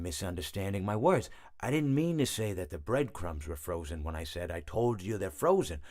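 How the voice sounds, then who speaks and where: A man plays a long-winded animatronic hippo from a video game, genial and darkly blasé. His slightly deep voice rises and falls freely as he meanders through his storytelling. He hesitates and corrects himself, always in a rambling monologue. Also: a little mellow, close to an everyday voice.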